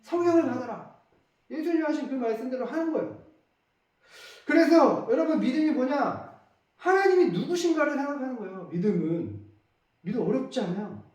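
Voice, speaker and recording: A man's voice: very high-pitched, lively intonation, brisk, darkish tone. A male pastor delivering an emphatic sermon full of rhetorical questions, heard from a distance in an echoey church.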